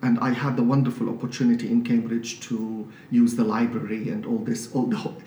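Syrian-accented man, measured and explanatory. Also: mid-range voice, flat delivery, dark tone. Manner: measured and explanatory, with frequent restarts. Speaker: guest priest. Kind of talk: conversational interview. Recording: roomy, slightly distant mic with faint noise.

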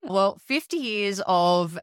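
A woman's voice: mid-range voice, expressive, takes it slowly, clear, resonant tone, no echo, studio quality. A woman hosting an interview, asking encouraging questions. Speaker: podcast host.

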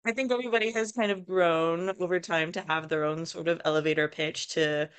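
A woman co-hosting a podcast in casual chat, talking enthusiastically with quick bursts when excited. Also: sits low, clean tone. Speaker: podcast co-host.

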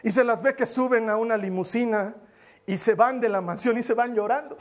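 High-voiced man preaching a chatty sermon. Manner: humorous, chatty, asks the audience questions; repeats key phrases slowly for emphasis. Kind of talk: sermon to a live congregation.

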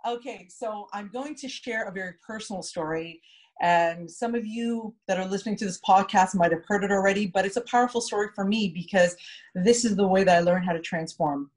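A podcast co-host, a native English speaker, tells a personal story candidly and reflectively, often repeating words for emphasis. Her medium-pitched voice moves a little fast on a rough recording.

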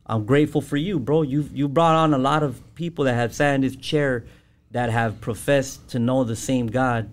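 A man with a medium-pitched voice talks as a guest on a podcast. He shares personal testimony casually, often halting to find the right word, with street slang throughout. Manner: halting, searching for words, slangy.

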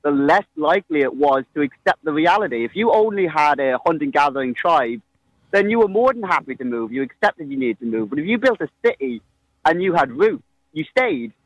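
A man with a fairly high voice in a heated debate. He sounds earnest and challenging as he presses his argument, recorded dry with little room sound. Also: very animated, brisk, no room sound, poor audio. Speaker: climate activist guest.

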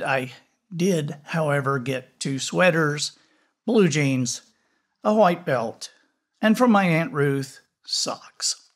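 Reflective male narrator, unhurried, slightly raised voice, gentle with quiet whispered moments. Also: a little high. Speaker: storyteller. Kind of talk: scripted narration.

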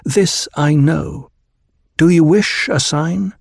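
A man doing a calm, commanding noblewoman. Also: on the high side, gravelly, slightly rough, dry recording, clean studio sound, voice pushed up, full character voice. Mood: solemn. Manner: measured, formal. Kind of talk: audiobook reading.

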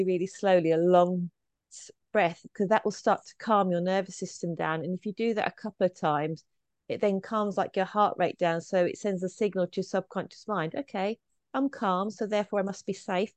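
Brief: woman guest, low-pitched, chatty coach who acts out voices, dry close recording. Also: a little mellow, no echo. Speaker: podcast guest, trauma coach. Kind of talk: conversational interview answers.

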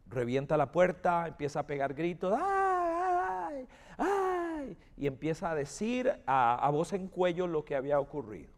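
Male pastor, sermon delivery, lively pitch, drawn-out pacing, reverberant hall. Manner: animated storytelling, calls for amens.

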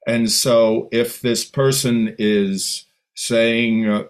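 A man with a mid-pitched voice gives his view as a panelist in a professional discussion. He speaks in an emphatic, deliberate way. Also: level tone.

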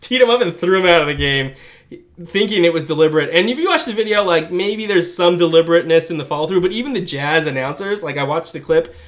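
A man's voice: a little high, animated, fast. A man co-hosting a casual show, animatedly recounting sports stories with frequent laughs and asides. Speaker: podcast co-host. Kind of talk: casual storytelling chat.

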